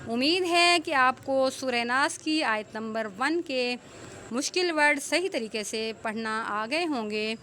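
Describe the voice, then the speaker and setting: A high-pitched woman teaches recitation rules, explaining each point plainly and then drawing words out very slowly. A faint hiss of background noise sits under her voice. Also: lively intonation, bright, forceful tone. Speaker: Quran tajweed teacher. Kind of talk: online tajweed lesson with slow drawn-out recitation.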